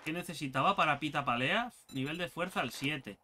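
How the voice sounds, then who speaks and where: A young man with a Spain Spanish accent giving excitable let's play commentary, talking to himself and the game and swearing casually. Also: fairly high pitch, a little fast, noisy background. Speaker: gaming channel host.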